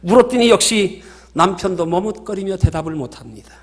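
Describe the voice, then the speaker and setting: A man's voice: sits high, lively intonation, brisk. A male pastor preaching a sermon, emphatic and full of stories.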